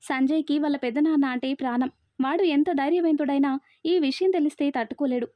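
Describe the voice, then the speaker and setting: A woman's voice: sits high, a little fast, no echo, lightly acted. A woman voicing a grieving, protective middle-aged aunt in a somber, urgent reading. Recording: dry, slightly dull recording.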